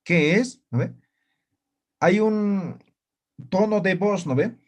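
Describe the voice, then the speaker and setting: A male teacher leads an online lesson at a slow, careful pace. His voice sits a bit high, and he keeps stopping to ask whether everyone understands. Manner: slow, patient, keeps checking students understand. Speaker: language teacher. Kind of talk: online class lecture.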